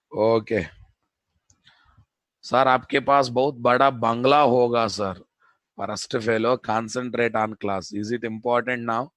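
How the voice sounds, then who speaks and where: Casting: male Indian tech teacher, Telugu accent, slow pace, dry close sound, repetitive and informal classroom delivery. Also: medium pitch, a bit bright, no room sound. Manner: repeats phrases for emphasis, informal bantering. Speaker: programming instructor. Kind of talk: live classroom lecture with repeated questions to students.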